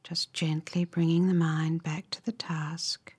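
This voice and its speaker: This is a deep-voiced woman leading a guided meditation. She instructs in a calm, measured way, letting her phrases fade out soft and breathy.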